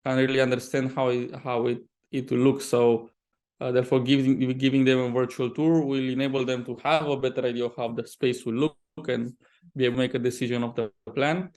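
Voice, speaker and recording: A man's voice: mid-range voice, little pitch movement, brisk, darkish tone. A man with a Romanian accent answers interview questions conversationally as a property developer, often stopping and repeating words mid-sentence. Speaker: property developer, podcast guest.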